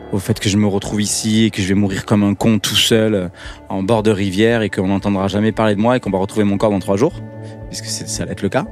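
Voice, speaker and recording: Un homme qui raconte une aventure personnelle dans un podcast, de façon vivante et dramatique, avec un langage familier. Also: male voice, lowish voice. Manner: lively, dramatic, casual slang. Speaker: podcast guest telling his story. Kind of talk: personal storytelling.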